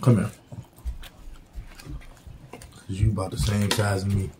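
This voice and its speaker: A young man talks casually at the table in an American accent. His tone is mellow and dark, recorded at home with faint noise. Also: fairly low pitch, little pitch movement, a little slow. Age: young adult. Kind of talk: casual chat over a meal. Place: small room at home. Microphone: camera at table's length.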